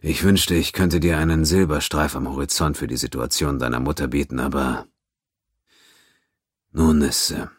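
A man voicing an older, calm and sympathetic ship's doctor who speaks softly and hesitantly, in an audiobook reading. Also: extremely low pitch, moderate pace, slightly rough, no room sound, clean studio sound. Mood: regretful.

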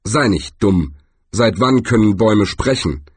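A troll hiding as a stone in a storybook, calm, chatty and matter-of-fact, set somewhat lower than the reader's own voice, as a male narrator puts him on. The tone stays husky and close. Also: unhurried, no echo. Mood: deadpan.

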